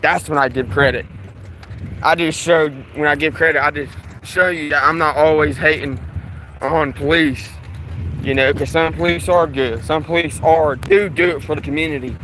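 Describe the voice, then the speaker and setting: A man's voice: on the high side, fairly even intonation, normal speed, bright, forceful tone, slight background noise, poor audio. A man vlogging outdoors on a hot day, sweating and talking in a casual, repetitive ramble full of restarts. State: sweating in the heat. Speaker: vlogger filming police in his town.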